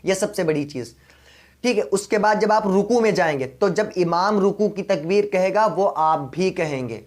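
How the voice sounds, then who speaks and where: A man with an Urdu accent, a mufti, giving religious instruction on prayer step by step and patiently, repeating the key points. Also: high voice. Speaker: mufti teaching prayer rules.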